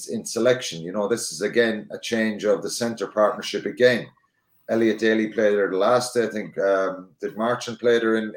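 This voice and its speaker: A man working as a rugby pundit, speaking in casual analysis, hesitant and often restarting his sentences. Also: lowish voice. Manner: hesitant, many fillers and restarts. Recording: roomy echo.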